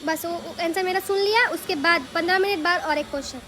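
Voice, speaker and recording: A young woman from from tells a personal story in a chatty, animated way. She keeps turning to the listener with quick rhetorical asides. The recording carries a clear hiss of background noise. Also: extremely high pitch. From Assam, India. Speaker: vlogger. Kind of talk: casual storytelling to camera.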